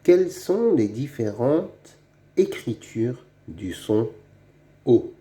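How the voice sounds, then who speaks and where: Slow, dark-voiced man teaching reading. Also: medium pitch, sing-song. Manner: repeats each word twice, spelling out sounds letter by letter. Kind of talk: slow, deliberate reading lesson for children.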